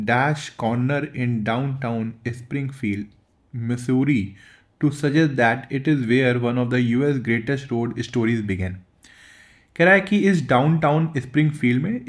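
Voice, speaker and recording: A man teaching English comprehension, reading passages slowly in English and explaining them in Hindi, asking and answering his own questions. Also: medium pitch. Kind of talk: bilingual lesson explaining an editorial.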